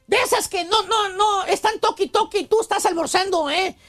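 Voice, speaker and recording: A man voicing a squeaky, rambling know-it-all with a Mexican accent in a radio comedy sketch, mocking and lecturing his buddies. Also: fairly quick, a bit bright, soft background music. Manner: mocking, rambling, keeps saying caballo. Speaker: radio show regular.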